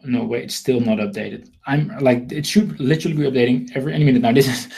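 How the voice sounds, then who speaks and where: A fast-talking man with a mid-range, creaky, darkish voice and a Dutch accent hosts an informal live sales webinar. He is from the Netherlands, selling marketing software, and he rambles, repeats himself and pokes fun at himself.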